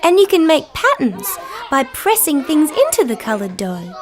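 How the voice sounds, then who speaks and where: A woman voicing a cheerful young female dinosaur who gently presents to small children in a slow, sing-song, wonder-filled way. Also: high-pitched, wildly swooping pitch. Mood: playful, gentle. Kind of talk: children's show scripted narration.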